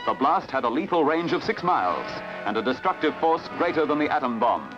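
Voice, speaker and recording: A man with an Australian accent narrates an old newsreel in a formal, dramatic announcer style from a script. His fairly high voice swings widely in pitch at a brisk pace, on a dull, lo-fi old film soundtrack with music.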